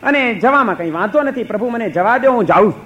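An eager, devoted male sage , voiced by a man telling the tale, reassuring and pleading in a high, lively voice. He presses his case with warm insistence. The sound is dull and lo-fi. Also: fast.

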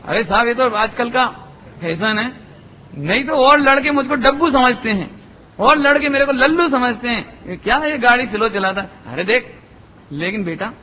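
A man's voice: high voice, pushed and bright, a little hiss or hum. A man giving a sermon, putting rhetorical questions to his listeners and repeating phrases for emphasis. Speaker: preacher. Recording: long hall reverb, dull lo-fi sound.

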